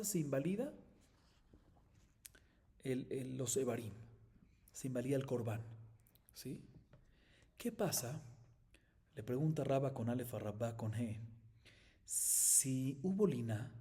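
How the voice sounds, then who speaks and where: A man from Colombia teaching a Talmud lesson as a rabbi, with animated rising emphasis and frequent rhetorical questions to his listeners. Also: on the high side. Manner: reads Aramaic text in quick chant.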